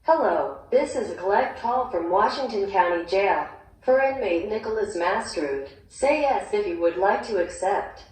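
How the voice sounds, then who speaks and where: A woman's voice: medium pitch, moderate pace. Automated woman's jail payphone recording, echoey. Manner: flat, recorded operator prompt. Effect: automated jail payphone collect-call message. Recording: very echoey playback over a phone.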